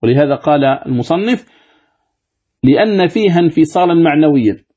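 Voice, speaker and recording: A man teaching a recitation lesson, asking his students questions, answering them himself, and slowly repeating words so they can copy the pronunciation. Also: a little high, lively intonation, dark tone. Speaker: sheikh teaching Quran recitation. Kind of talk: classroom lesson commentary on a text. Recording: dull lo-fi lecture recording.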